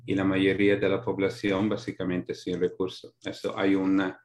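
Speaking monotone in a fairly low voice, a middle-aged European academic guest who studies migration explains slowly in a language not his own. His interview answers are thoughtful and measured, full of fillers and restarted phrases.

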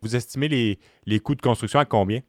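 A man's voice: mid-range voice, fast talker, no echo, studio quality. A man, working as an interviewer, introducing a topic and putting questions to a guest. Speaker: radio interviewer.

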